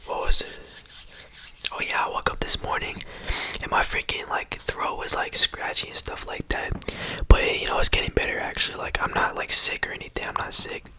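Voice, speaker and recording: A whispering ASMR creator rambling casually and repetitively in slangy speech, close to the microphone. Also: moderate pace. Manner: slangy, repetitive, rambling, often saying bro and you know.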